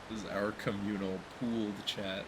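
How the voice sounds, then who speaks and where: A man's voice: on the low side, fairly even intonation, unhurried. A man streaming a video game, chatting casually and teasing with frequent laughter. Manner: playful, laughs often, teasing. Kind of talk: casual live-stream chat while gaming. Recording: noisy background.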